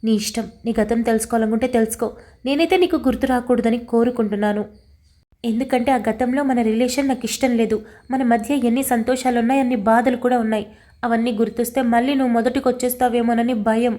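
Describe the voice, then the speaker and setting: A woman's voice: fairly high pitch, steady tone, fast, warm tone, lightly acted. A woman voicing an anxious young woman in love, pleading through tears in a storybook reading. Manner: pleading, tearful.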